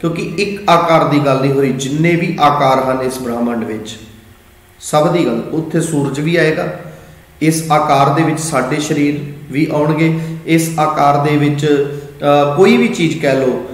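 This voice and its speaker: A man teaching scripture meanings and pronunciation, patient and repetitive, chanting verse lines slowly. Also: a little high. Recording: very echoey hall.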